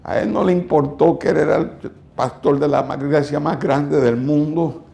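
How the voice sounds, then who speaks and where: A man's voice: on the high side, normal speed, gravelly, dark tone, reverberant. A man preaching a sermon as pastor, telling a story dramatically and exhorting his listeners. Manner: dramatic storytelling, acting out quoted voices; scolding, exhorting. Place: church.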